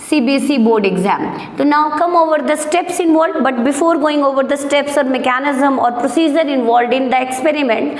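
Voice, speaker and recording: A woman biology teacher with an Indian accent giving a classroom lecture. She moves between quick Hindi explanations and slow, deliberate English dictation, and she asks her students questions and answers them herself. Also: high voice. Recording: echoey room, faint noise.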